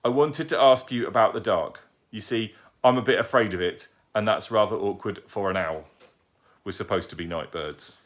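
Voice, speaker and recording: A man's voice: lowish voice, moderate pace, lightly acted. A man voicing an eager, slightly anxious baby boy owl who talks earnestly. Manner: earnest and a little whiny.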